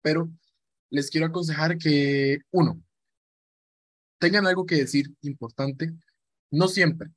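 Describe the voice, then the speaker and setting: A man's voice: on the high side, steady tone, measured pace, long pauses, no room sound. A man gives an informal lesson on radio presenting, chatty, repeating himself and acting out example voices.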